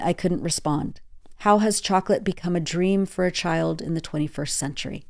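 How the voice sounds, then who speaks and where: A woman hosting a newscast, reading quoted accounts in a measured, earnest way. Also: fairly low pitch, darkish tone. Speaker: news host. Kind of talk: scripted news narration.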